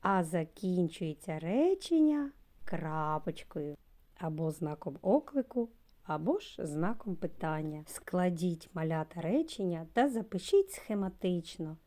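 Mellow and on the low side, this woman's voice has a sing-song lilt. She is a kindergarten teacher from Ukraine addressing preschoolers directly in a slow, recorded lesson.

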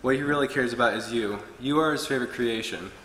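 A young man preaches earnestly from his notes at a pulpit. His voice is bright and forceful. The sound carries a long reverb from a large, echoey church hall. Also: mid-range voice, fast, slight background noise. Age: young adult. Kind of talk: sermon. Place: church hall with wood-paneled walls.

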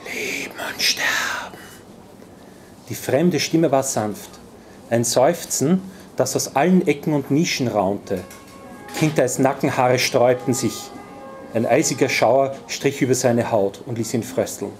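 A man, an author, reading his fantasy story aloud at a live bookshop reading, measured and calm. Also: mid-range voice, faint music behind. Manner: measured, calm, deliberate narration. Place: bookshop reading event, indoors.

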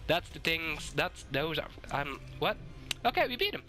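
A sick, hoarse man giving swearing, excitable let's-play commentary and shouting at the game. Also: on the high side, moderate pace, over music. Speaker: gaming YouTuber.

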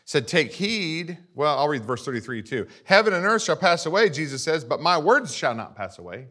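A male pastor preaching a sermon to his congregation, animated and often asking them for agreement. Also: fairly high pitch, normal speed.

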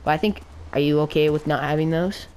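A woman playing a game with a friend, talking excitedly and nervously through every move in casual chat. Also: low-pitched, fairly quick, a little hiss or hum. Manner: frantic, excitable, talks through each move aloud. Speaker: gaming channel co-host. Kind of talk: casual let's play chat.

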